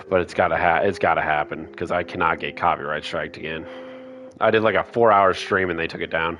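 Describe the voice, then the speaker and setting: A man chatting casually on a stream, laid-back and grumbling, quick to agree. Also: deep voice, bright, forceful tone, faint music behind. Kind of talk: casual chat.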